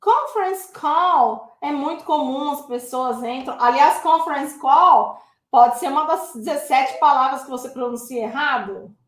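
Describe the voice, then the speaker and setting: Teacher, woman, high voice, chatty and direct with viewers, echoey room. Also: unhurried. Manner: lively, addresses viewers as "gente". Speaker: English teacher. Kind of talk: casual online English lesson.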